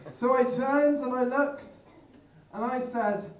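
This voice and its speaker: High-voiced man doing slow deadpan stand-up. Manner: deadpan one-liners, leads audience call-and-response. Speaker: stand-up comedian. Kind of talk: live stand-up comedy. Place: comedy night venue with a live audience. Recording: roomy live room, far from mic, crowd noise.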